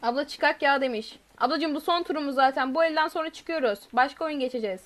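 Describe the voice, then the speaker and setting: Speaking quickly in a high-pitched voice, a woman provides live gameplay commentary, reading viewers' chat aloud and shrieking when she gets chased.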